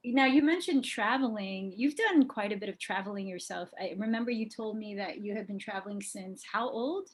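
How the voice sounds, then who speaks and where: A woman's voice: medium pitch, moderate pace, few pauses. A woman hosts a casual online interview, introducing her guest and asking conversational questions. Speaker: interviewer, yoga community host.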